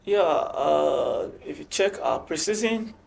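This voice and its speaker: A man, captain of a football team, answering interview questions in a halting way, often repeating words. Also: fairly high pitch, expressive, gravelly, slight background noise.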